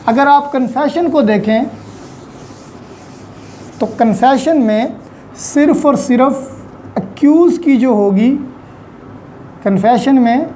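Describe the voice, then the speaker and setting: Her pitch fairly high and her tone warm, this woman delivers a law lecture over a slight hiss or hum. She explains in Urdu-Hindi mixed with English legal vocabulary, driving points home by repeating key phrases in a teacherly manner.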